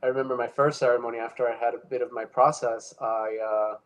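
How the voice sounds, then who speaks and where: A young Ecuadorian man talks fast in a mid-range voice with little pitch movement. As a guest in a casual conversation, he shares his personal story thoughtfully, full of fillers and restarts.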